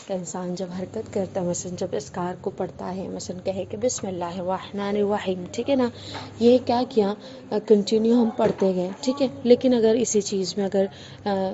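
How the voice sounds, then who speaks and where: Lady teaching a religion class online, asks herself questions n answers them, warm low-key voice, bit of hiss. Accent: Indian Urdu. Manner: explanatory, asks and answers her own questions. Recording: dull lo-fi with faint noise.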